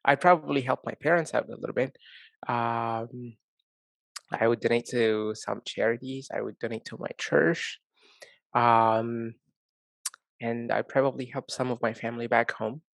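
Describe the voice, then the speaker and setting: A man's voice: medium pitch, fairly even intonation, measured pace, creaky, no room sound, studio quality. A man answering interview questions in easy casual chat over a video call, joking and laughing at himself. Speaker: guest.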